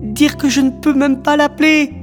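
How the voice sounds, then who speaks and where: A performer voicing a sad little paper drawing of a man in a storybook, speaking slowly and plaintively. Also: high-pitched, steady tone, long reverb tail, music in the background, natural voice. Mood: longing. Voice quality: slow, soft and plaintive. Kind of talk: storybook character acting.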